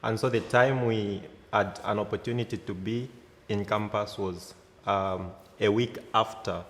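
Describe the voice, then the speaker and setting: A man's voice: lowish voice, fairly even intonation, unhurried, a bit bright. A young man from Zambia, an exchange student, answers interview questions hesitantly, with many fillers. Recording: hall reverb.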